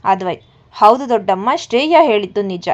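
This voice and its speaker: A man's voice: high voice, expressive, a little fast. A woman voicing a stern, protective young husband who speaks firmly, on a dull lo-fi recording. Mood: tender. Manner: firm, threatening in defense of his wife.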